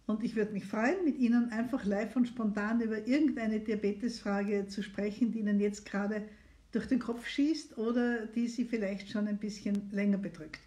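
A woman's voice: mid-range voice, steady tone, normal speed, warm tone. Chatty woman doctor, live stream. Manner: chatty and encouraging, inviting viewers to call. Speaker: diabetes doctor hosting a phone consultation stream. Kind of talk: casual live stream talk.

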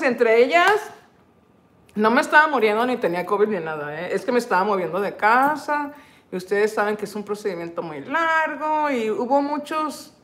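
A middle-aged woman chats on a livestream for her cooking channel. Her voice sits a little high, and she laughs often and drops English phrases into her talk. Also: fairly bright tone. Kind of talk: casual livestream chat.

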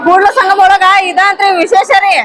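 A woman's voice: very high-pitched, flat delivery, a little fast, a loud crowd, very noisy. A woman with a North Karnataka accent, acting a wife in a comedy sketch, scolding and complaining. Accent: North Karnataka Kannada.

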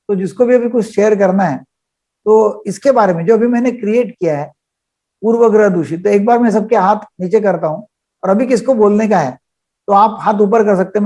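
Older man, high-voiced webinar psychiatrist. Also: mellow. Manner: explains by acting out little dialogues. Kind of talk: live webinar talk. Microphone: video call.

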